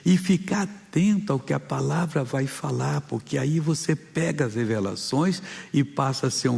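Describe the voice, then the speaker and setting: A Brazilian Portuguese-accented male pastor with a gravelly, fry-edged voice delivers an emphatic sermon. His voice sits in the middle range and pushes up for exhortations, and a long reverb trails his words through a church hall. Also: mid-range voice, a little mellow. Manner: emphatic preaching, rising for exhortations.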